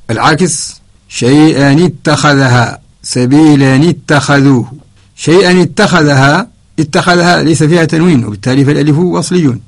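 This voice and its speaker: A man from Mauritania giving a radio lesson on Quranic spelling, methodically listing numbered examples and reciting short verse fragments. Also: a little high. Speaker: teacher of Quran orthography. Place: radio studio.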